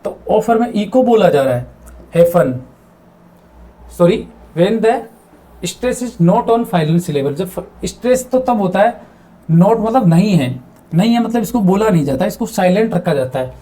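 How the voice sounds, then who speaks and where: Male grammar teacher with a high, mellow voice who repeats terms and quizzes himself aloud. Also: expressive, measured pace. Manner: repeats words and asks himself questions; mixes English terms into his explanations. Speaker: English teacher. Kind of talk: explaining grammar in a video lesson.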